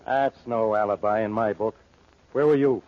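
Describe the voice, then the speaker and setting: Actor as blustering, barking radio police inspector. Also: male voice, fairly low pitch, moderate pace, close to an everyday voice. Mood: curt, suspicious. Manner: curt, barking, exasperated. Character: blustering, suspicious, hot-tempered male police inspector. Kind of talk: 1940s radio drama acting. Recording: muffled, noisy 1940s radio recording.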